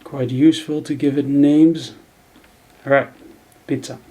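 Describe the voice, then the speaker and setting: Brief: slow-talking male tutor, mellow tone, halting narration over screen recording. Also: medium pitch, fairly even intonation. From Netherlands. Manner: thinking aloud, halting, many fillers. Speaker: video editing tutor.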